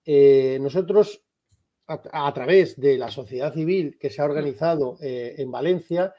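A man, a lawyer for an association, answers interview questions in a firm, emphatic, insistent way with a husky voice. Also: on the high side, unhurried, lo-fi sound. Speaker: lawyer for a civil rights association.

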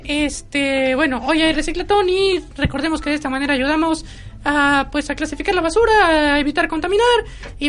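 A woman hosting a live radio show, playful and chatty. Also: very high voice. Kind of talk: casual live radio chat.

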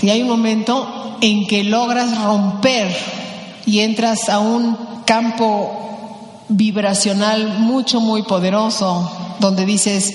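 A woman with a Mexican accent giving an animated motivational talk, acting out quoted voices. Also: medium pitch, takes it slowly, a little hiss or hum. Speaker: motivational speaker. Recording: echoey hall with long reverb.

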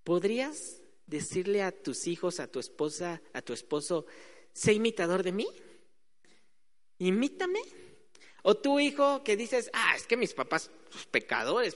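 A man's voice: high voice, sing-song, measured pace, a bit bright. A man preaching a sermon in a conversational way, acting out quoted voices. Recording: hall reverb.

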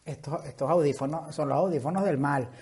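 A woman with a Venezuelan accent hosting her own podcast, chatting in an animated, joking way full of swearing and quick asides. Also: low-pitched. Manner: animated, swearing, rapid asides and playful mock voices. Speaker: podcast host. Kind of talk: casual comedic monologue. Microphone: headphones with mic.

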